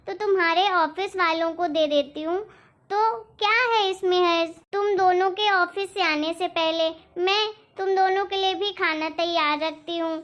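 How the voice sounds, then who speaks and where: A woman voicing a gentle older mother-in-law. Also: extremely high pitch. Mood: gentle pleading. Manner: gentle, patient, pleading tone. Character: kind hardworking older mother-in-law, soft-spoken. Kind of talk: cartoon voice acting. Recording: dull lo-fi recording.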